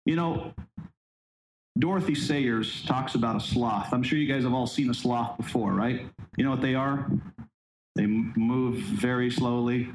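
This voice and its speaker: A man's voice: mid-range voice, unhurried, roomy sound, a little hiss or hum, rough recording. A man preaching a sermon outdoors, telling stories and acting out the voices of the people he quotes. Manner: storytelling, acts out quoted voices, emphatic. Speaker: pastor.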